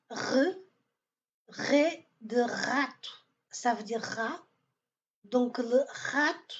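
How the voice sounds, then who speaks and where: Woman teaching, really slow, repeats words, high voice. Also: lo-fi sound. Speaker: Portuguese teacher. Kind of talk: language lesson.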